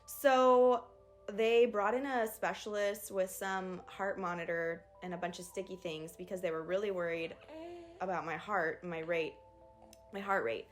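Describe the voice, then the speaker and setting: Young woman chatting her birth story, candid, some soft music under it. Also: lowish voice. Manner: candid, animated retelling with acted quotes. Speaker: vlogger. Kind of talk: casual storytime.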